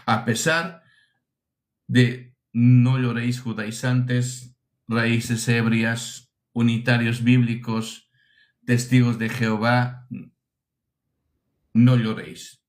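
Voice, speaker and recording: A man from preaching a teaching sermon, emphatic, asking rhetorical questions and repeating his phrases. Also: medium pitch.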